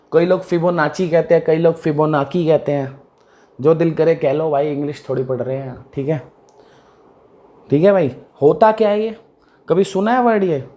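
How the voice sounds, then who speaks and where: This math teacher talks with students casually, his voice on the high side and mellow. He frequently repeats questions to make sure everyone follows.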